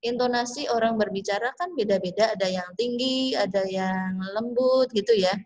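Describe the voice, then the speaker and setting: Indonesian-accented woman teacher, slow and explanatory, lecturing a class. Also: a little high, a little mellow. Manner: slow, explanatory, drawn-out English phrases. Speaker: English teacher. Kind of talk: online class lecture mixing English and Indonesian.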